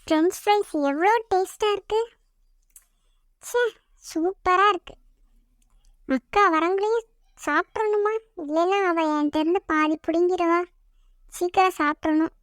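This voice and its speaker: A woman's voice: very high voice, measured pace, long pauses, dry recording, studio quality. A woman voicing a bratty, nosy little sister in a cartoon, with a whiny, tattling way of talking. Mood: greedy, sneaky. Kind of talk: cartoon voice acting.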